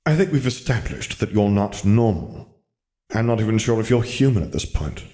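A man voicing an exasperated male wizard who speaks dryly and sardonically at an unhurried pace, in a storybook reading. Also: on the low side, very animated, a little mellow, voice pushed up. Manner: dry, sardonic, slow and measured.

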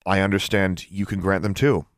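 A man's voice: low-pitched, steady tone, normal speed, dry recording. A male narrator voicing a defiant, clever young girl prisoner, firm and stubborn, in close to his own voice.

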